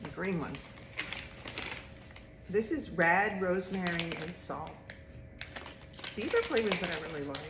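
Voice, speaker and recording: A woman's voice: lowish voice, animated, measured pace, long pauses. Female snack-review host, chatty, munching crunchy food mid-sentence, roomy sound with audible background clicks. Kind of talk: casual taste-test chat. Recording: roomy echo, clear background noise with clicks.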